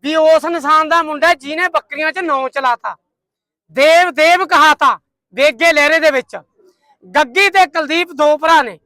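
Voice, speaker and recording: A man's voice: extremely high pitch, moderate pace, sharp tone, no echo. A Punjabi man hosting livestock market videos, bargaining in a hearty, outspoken, bantering way.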